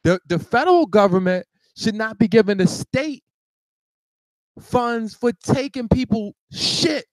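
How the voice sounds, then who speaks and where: High, lively man ranting live. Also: measured pace, no echo, low-quality recording. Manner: animated ranting with laughs and repeated restarts. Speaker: show host. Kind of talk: live talk show monologue.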